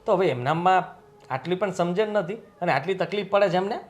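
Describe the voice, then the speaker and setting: Brief: a high-voiced, indignant husband, played by a man who takes his wife's side. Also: a little fast, faint music behind, lightly acted. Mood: aggrieved. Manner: indignant, scolding. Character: young husband siding with his wife against his mother. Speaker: son and husband. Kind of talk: family drama acting.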